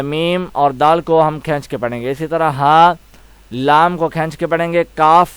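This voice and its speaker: A man teaching a tajweed lesson, slowly sounding out letters one by one and explaining each with patient repetition. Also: fairly high pitch, clean tone, no echo. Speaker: Quran recitation teacher.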